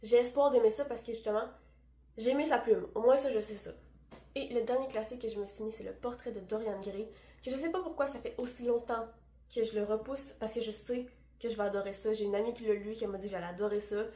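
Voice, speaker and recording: A young woman with a Québécois French accent, a book vlogger, chats enthusiastically and with self-deprecating humor about books she plans to read. Her voice is fairly high, warm, and fast with fairly even intonation, in a roomy-sounding space.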